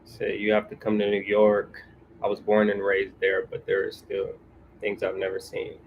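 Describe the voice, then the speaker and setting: Man, from California, low voice, flat delivery, laid-back slangy chat, answering viewer comments. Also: normal speed, a little hiss or hum, low-quality recording. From California, USA. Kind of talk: casual livestream chat.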